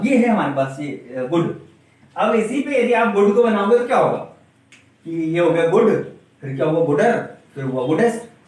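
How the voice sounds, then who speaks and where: A male teacher giving a classroom grammar lesson, asking the class questions and then answering them himself. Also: high-pitched. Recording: very echoey room, voice from a distance.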